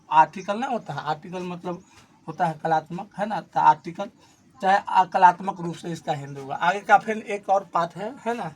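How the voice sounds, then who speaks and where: A male teacher giving a classroom grammar lesson, explaining slowly and repeating points, asking questions and answering them himself, pointing to a board. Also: high-pitched. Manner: repetitive, asks and answers own questions; slow, stressed explanation.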